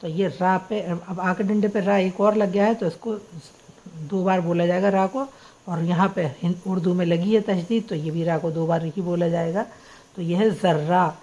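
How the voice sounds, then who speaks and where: A woman's voice: fairly low pitch, fairly even intonation, moderate pace, dark tone, low-quality recording. A woman teaching Urdu script, patiently spelling out words letter by letter. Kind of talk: slow spelling-out lesson.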